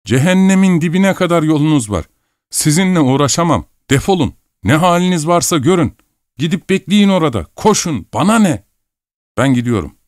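A man voicing a hot-tempered young man who shouts curt, contemptuous insults in an audiobook reading. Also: mid-range voice, big pitch swings, moderate pace, dry recording, studio quality, close to an everyday voice. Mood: angry shouting.

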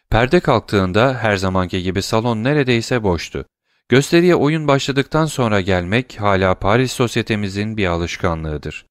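Male audiobook narrator, low voice, measured literary delivery, dry close read. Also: no room sound. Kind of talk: scripted narration.

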